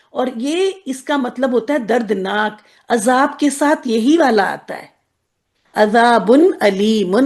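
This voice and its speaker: Brief: woman teacher, slow careful drilling. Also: a little high, darkish tone. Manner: checks in often with "okay?", drills words slowly. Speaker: Quranic Arabic teacher. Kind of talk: explanatory lesson to women students.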